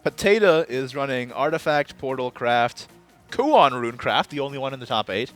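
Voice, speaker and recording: A man casting an esports card game live, excitable and quick to shout at big plays. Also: medium pitch, soft background music. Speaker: esports caster.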